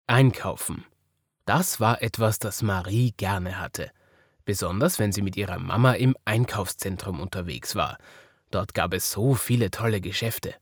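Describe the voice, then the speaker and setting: A man with an Austrian accent narrating a children's story in a lively storytelling manner. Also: on the low side, husky, no room sound, studio quality. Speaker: podcast storyteller.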